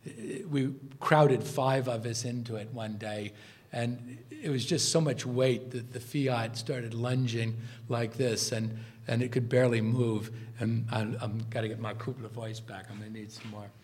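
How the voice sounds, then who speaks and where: A man's voice: medium pitch, steady tone, a little slow, a little mellow. Older man giving an anecdotal lecture. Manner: anecdotal, with frequent uh fillers and restarts. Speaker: lecturer, former student. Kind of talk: academic lecture, part read aloud. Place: lecture event, evening.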